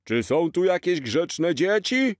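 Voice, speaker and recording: A man voicing a jolly, kind old Santa Claus in a children's storybook, slow, hearty and fatherly. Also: high voice, big pitch swings, no echo, clean studio sound, pitched above the performer's own voice, exaggerated voice. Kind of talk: storybook character voice.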